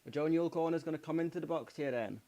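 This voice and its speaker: A man giving casual live play-by-play as a fan streamer, slightly croaky, cheering his side and scolding chat. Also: on the high side, quick pace, dark tone. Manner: partisan, addresses chat as "mate" and "pal", urges his team on. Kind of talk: casual live match commentary.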